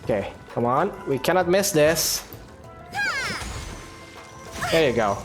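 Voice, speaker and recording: Over game music, this male gaming YouTuber offers casual, reactive commentary in an animated voice that sits on the high side. He takes his time, chatting away and groaning or laughing at the game.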